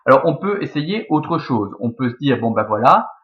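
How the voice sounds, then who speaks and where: A Belgian French-accented man talks a class through a lesson at a middle pitch, reasoning aloud one step at a time. He fills pauses with frequent "euh" and "bon" as he works things out. The recording is dull and lo-fi. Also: big pitch swings. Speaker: teacher. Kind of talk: explaining Latin verse scansion.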